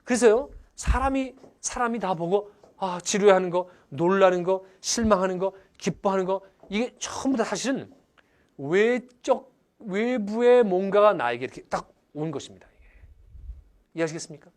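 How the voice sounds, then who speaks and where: Animated male teacher, fairly high voice, swings all over in pitch, theatrical examples, quizzes the class. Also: normal speed. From Korea. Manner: lively, theatrical, asks the class questions often. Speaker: English grammar teacher. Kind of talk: animated lecture with acted-out examples.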